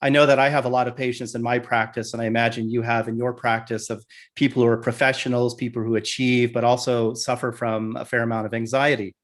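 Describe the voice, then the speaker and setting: A man's voice: medium pitch, flat delivery, fast talker. A man hosting an interview podcast, upbeat and encouraging as he introduces and questions his guest. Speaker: podcast host and clinician.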